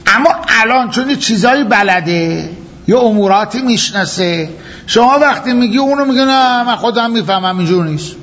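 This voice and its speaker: A man's voice: sits high, animated, fairly bright tone. A man teaching a jurisprudence lecture as a seminary teacher, explaining step by step, firing rhetorical questions and repeating his key points. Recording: dull lo-fi recording with faint noise.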